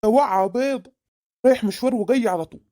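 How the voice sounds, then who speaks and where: A woman's voice: on the high side, fast, warm tone, no room sound, clean studio sound, close to an everyday voice. A woman voicing a scheming middle-aged married man in a comic cartoon, with an Egyptian accent and a sweet-talking, evasive manner. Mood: grumpy. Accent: Egyptian Arabic.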